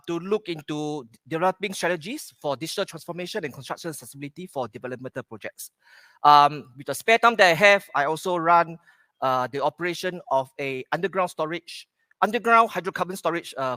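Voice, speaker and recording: A man's voice: fairly high pitch, a bit bright, dry recording. Singaporean man giving a conference talk. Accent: Singaporean English. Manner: plain, repeats "okay" to pace points. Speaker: conference speaker. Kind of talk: conference keynote presentation. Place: conference hall stage.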